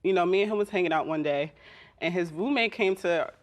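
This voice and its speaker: A young woman in her twenties testifies in a TV court with a whiny, complaining manner. She explains herself hesitantly and haltingly as a litigant. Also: lowish voice. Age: 20s. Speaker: litigant complaining about partner in a TV court show.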